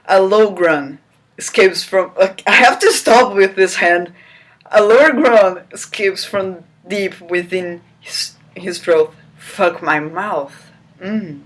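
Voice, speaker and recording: A woman with a medium-pitched voice reads a novel slowly in a theatrical, mocking style. She sounds incredulous, breaking off into laughing asides and commentary.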